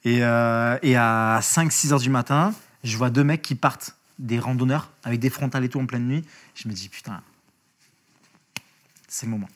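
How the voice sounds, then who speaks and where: A man speaking as an interview guest, telling a story in a casual, lively way, with slang, swearing and many restarts. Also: medium pitch, moderate pace.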